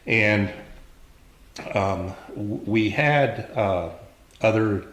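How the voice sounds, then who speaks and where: An older American man, a veteran remembering his service in an unscripted interview, speaking in a measured, halting way with reflective pauses. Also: on the low side, fairly bright tone. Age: older, around 70s. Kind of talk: unscripted oral history interview, reminiscing. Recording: roomy, echoing interview sound.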